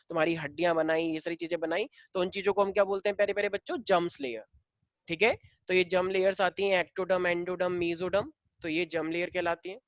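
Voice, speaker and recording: A man's voice: sits high, dry recording. Dry lo-fi male classroom teacher. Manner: mixes Hindi and English, quizzes students, affectionate. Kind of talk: classroom lecture. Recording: dull lo-fi dry sound.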